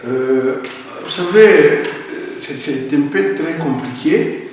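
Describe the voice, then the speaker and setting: A man's voice: a little high, slow pace, a little mellow. A man from Congo, answering interview questions earnestly and emphatically, often repeating words as he searches for them. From Congo (DRC). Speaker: guest. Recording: echoey roomy hall from a distance, faint noise.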